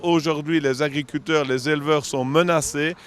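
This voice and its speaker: Articulate farmers' representative. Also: male voice, on the high side, steady tone, normal speed, smooth. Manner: articulate, structured.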